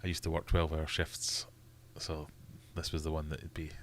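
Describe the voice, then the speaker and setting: Here a man from Scotland hosts an informal stream, reading the chat aloud between frequent laughs. He has a bass voice, delivered in a monotone at normal speed, with a bit of background noise.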